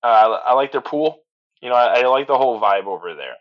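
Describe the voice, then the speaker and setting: In casual interview chat, a middle-aged transport business owner appears as an enthusiastic podcast guest, constantly restarting and dropping "you know." His mid-range voice is expressive and a little fast, and the lo-fi recording is slightly dull.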